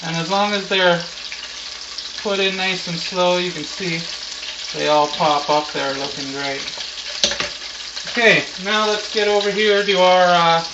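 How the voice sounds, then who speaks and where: A man's voice: unhurried, pauses often, roomy sound. Stoner man, casual cooking chat, laid-back and rambling, muffled camera audio, sizzling noise behind. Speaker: host of a home cooking show. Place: home kitchen, indoors. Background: sizzling deep fryer.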